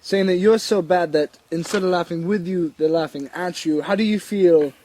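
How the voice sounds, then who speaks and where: A man's voice: sits high, moderate pace, warm tone. A man asking questions as the interviewer in a mock-documentary. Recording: clearly noisy background ambience.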